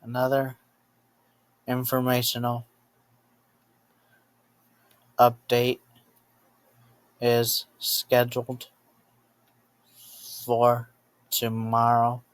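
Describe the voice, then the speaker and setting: An announcer reads an emergency alert script in a completely flat, mid-range voice, pausing between brief phrases and circling back to reword them. There's no room sound, but the audio quality is poor.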